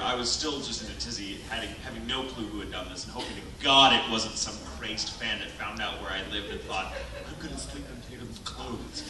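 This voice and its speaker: A man's voice: mid-range voice, noisy background. A male voice actor telling a comic anecdote at a convention panel, acting out the quotes, recorded from far off in the audience. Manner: animated storyteller, acting out quotes loudly. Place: large convention panel room. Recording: echoey hall, taped from far off in the audience. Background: audience murmur and laughter.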